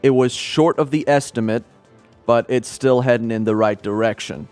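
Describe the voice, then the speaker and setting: A man raised in Kenya giving calm, matter-of-fact market commentary. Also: mid-range voice, normal speed, soft background music. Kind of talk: financial news talk.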